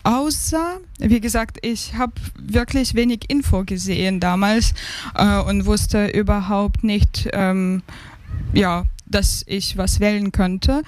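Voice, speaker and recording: A Ukrainian woman in her thirties, serving on an advisory board, speaks as an interview guest with a Ukrainian accent. Her medium-pitched, darkish voice moves slowly with fairly even intonation as she hesitantly searches for words.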